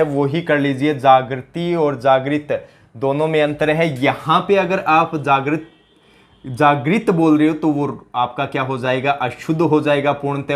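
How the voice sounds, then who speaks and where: A man teaching a Hindi spelling lesson for exam students, asking the class question after question and answering them himself, with joking asides in a local dialect. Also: fairly high pitch. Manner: quizzing listeners with repeated rhetorical questions.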